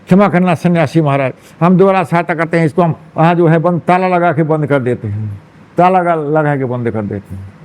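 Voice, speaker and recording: A man's voice: on the high side, brisk, a little mellow, lightly acted. A man voicing a humble old householder who apologizes and pleads. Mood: pleading.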